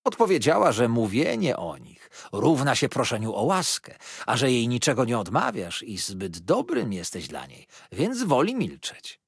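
Storybook old busybody mother-in-law, shrill and gushing, read by a man, husky, very swoopy. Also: huge pitch swings, moderate pace, few pauses, no echo, clean studio sound, full character voice.

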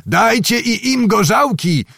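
A man voicing a boisterous older nobleman who rouses a crowd of drinkers with loud, hearty, commanding shouts. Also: on the high side, animated, measured pace, vocal fry, no echo, clean studio sound, pitched above the performer's own voice, heavily acted. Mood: jovial.

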